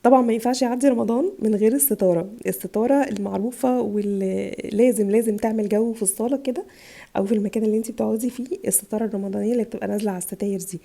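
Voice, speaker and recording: A woman's voice: mid-range voice, steady tone, rapid-fire, creaky, dark tone. A woman with an Egyptian Arabic accent, chatting casually and gushing as she shows her shopping haul, her voice tired from a chest cold. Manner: chatty, gushing over items. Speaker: vlogger, mother. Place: home in Italy.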